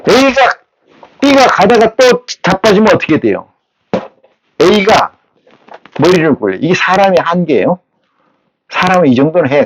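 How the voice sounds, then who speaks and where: Male pastor, sermon; high and very animated, blunt street talk, keeps quizzing the congregation. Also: a little hiss or hum, rough recording. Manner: teaches with rapid rhetorical questions; blunt, coarse colloquial speech.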